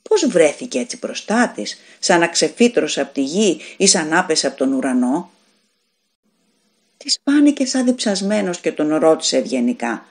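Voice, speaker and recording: A woman reads a fairy tale aloud for an audiobook, her voice sitting on the low side for a woman. Her telling is expressive, and her pitch rises and falls freely from phrase to phrase as the story moves on. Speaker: audiobook narrator. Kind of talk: scripted narration.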